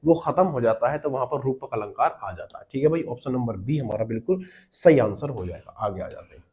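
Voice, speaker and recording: A man's voice: mid-range voice, lively intonation, brisk, dark tone. A man teaching an exam-prep lesson, explaining step by step and answering his own questions, often calling the listeners brother.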